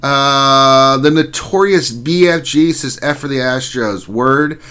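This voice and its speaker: Man, stream host, bright forward voice, casual jokey chat reading. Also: mid-range voice, slow, smooth. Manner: reads chat names aloud, joking and teasing. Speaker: livestream host.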